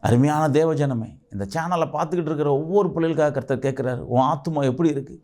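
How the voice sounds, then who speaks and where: A man's voice: on the high side, fast talker, a little mellow. A male pastor, preaching a fervent sermon full of repeated rhetorical questions. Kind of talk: sermon with prayer.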